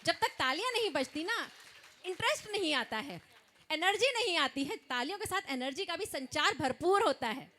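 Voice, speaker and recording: Woman stage emcee, high-pitched, cheering on the audience. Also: lively intonation, normal speed, pushed and bright. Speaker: event emcee. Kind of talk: stage announcing.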